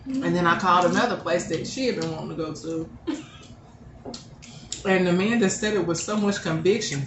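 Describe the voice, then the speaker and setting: A woman's voice: lowish voice, moderate pace. A middle-aged woman hosting a casual eating chat with her daughters, blunt and joking in an outspoken way. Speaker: mother and channel host. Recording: echoey room with steady background noise.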